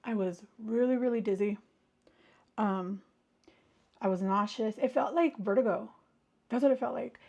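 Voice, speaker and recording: Congested from a sinus illness, a woman hosts a casual livestream, rambling and chatting with live viewers and greeting them mid-sentence. Her gravelly voice is fairly high-pitched yet dark in tone, moving at a moderate pace with long pauses, and the sound is lo-fi.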